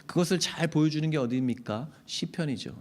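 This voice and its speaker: Middle-aged male pastor, hushed-to-emphatic sermon. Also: fairly high pitch, brisk. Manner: swings between hushed, near-whispered asides and raised, emphatic peaks; conversational and direct, addressing the congregation often. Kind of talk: Sunday sermon.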